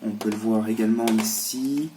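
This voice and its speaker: A man explaining his radio hobby in a casual, hesitant vlog style, halting as he talks. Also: lowish voice, fairly even intonation, noisy background. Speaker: amateur radio hobbyist presenting.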